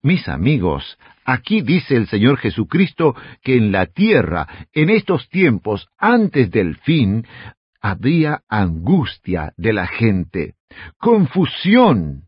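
A man's voice: mid-range voice, huge pitch swings, slow pace, breathy edge, dry recording, muffled recording. A man preaching a radio sermon as a pastor, speaking earnestly and addressing the listener directly as a friend.

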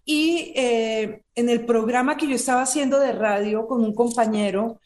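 A woman in her forties tells her personal story in an interview, earnest and emotional, circling back and repeating words. Her voice sits a little high. The room has a noticeable echo around her. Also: normal speed, a little mellow. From Colombia. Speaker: interview guest. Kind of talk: personal testimony in conversation.

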